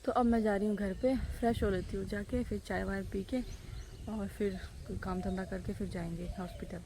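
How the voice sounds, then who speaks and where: A woman's voice: medium pitch, fairly even intonation, brisk, dark tone. Young woman, casual vlog chat, talks straight to viewers, faint background noise. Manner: chatty, addresses viewers directly. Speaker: vlogger.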